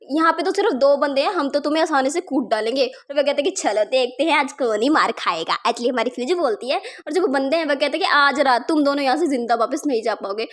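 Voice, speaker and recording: High-voiced chatty woman recapping a comic. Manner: chatty, keeps calling listeners yaar and bhai; reads characters' lines in a lightly shifted voice. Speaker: manhwa recap narrator. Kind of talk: casual story recap narration.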